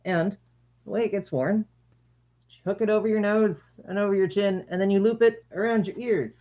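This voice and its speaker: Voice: mid-range voice, fairly even intonation, normal speed. A livestream host giving a casual product demonstration in a conversational, explanatory way, speaking to viewers. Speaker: livestream host demonstrating handmade face masks. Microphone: shared microphone, sometimes turned away from it. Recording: dull lo-fi livestream audio.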